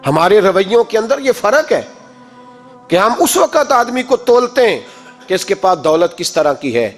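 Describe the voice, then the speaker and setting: A man's voice: high voice, big pitch swings, faint music behind. A man delivering an impassioned Urdu sermon with a Pakistani accent, telling stories and acting out the voices of the people in them. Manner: impassioned storytelling, acts out quoted voices. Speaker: preacher.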